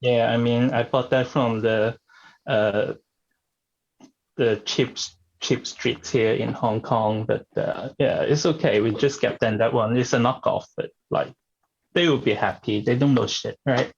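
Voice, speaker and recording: A man performing improvised comedy scenes, speaking haltingly as he searches for his words. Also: medium pitch, fairly even intonation, vocal fry, lo-fi sound.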